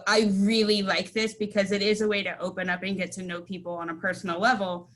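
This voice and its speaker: A woman's voice: mid-range voice, little pitch movement, fast talker. A woman from central Illinois sharing a childhood story on a video call in a friendly, rambling way, with lots of fillers. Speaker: meeting participant. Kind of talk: casual storytelling.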